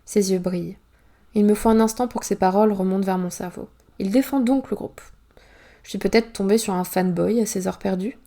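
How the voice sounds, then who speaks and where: A woman author reading her own novel aloud in first-person narration, calm and even. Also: mid-range voice, fast.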